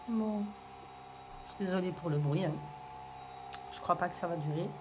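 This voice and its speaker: A woman's voice: lowish voice, normal speed. Chatty woman with faint room noise. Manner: hesitant, many fillers, gushing over cute items. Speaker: scrapbooking haul vlogger. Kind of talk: casual show-and-tell chat.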